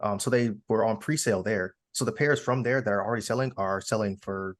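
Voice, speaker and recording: A man's voice: fairly low pitch, a little fast. A young man co-hosting a casual podcast, easygoing and enthusiastic. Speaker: podcast co-host. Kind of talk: casual chat.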